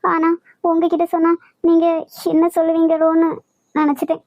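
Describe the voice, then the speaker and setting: A woman's voice: very high-pitched, completely flat delivery, moderate pace, dry recording, phone-quality sound. A woman voicing an anxious young wife who pleads tearfully with her husband in a cartoon love story. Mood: pleading.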